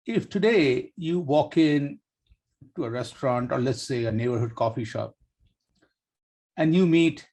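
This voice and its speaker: A man's voice: mid-range voice, a little mellow, slightly rough. A man hosting a podcast interview, asking questions in an encouraging way. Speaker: podcast host.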